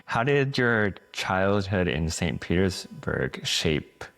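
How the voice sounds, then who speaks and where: A man's voice: low voice, big pitch swings, takes it slowly, a bit bright, faint music behind. A man hosting a podcast, asking loose rambling questions and laughing often. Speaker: podcast host. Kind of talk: casual interview hosting.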